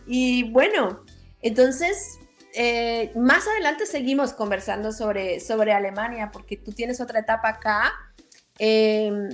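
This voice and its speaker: A woman hosting an interview, giving short backchannels and unhurried prompts. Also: a little high, soft background music. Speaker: host. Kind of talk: casual interview.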